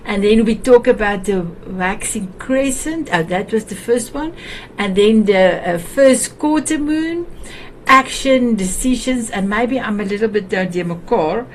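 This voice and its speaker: With a measured pace and medium pitch, an Afrikaans-accented South African woman hosts a warm, informal video call show. She's chatty but hesitant, frequently starting over, and a bit of hiss or hum sits under the recording.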